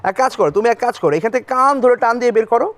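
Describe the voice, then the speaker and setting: Music runs under a man's extremely high-pitched voice, lively in intonation and quick in pace. He's the host of a children's magic show, weaving stories and firing short questions at the young audience.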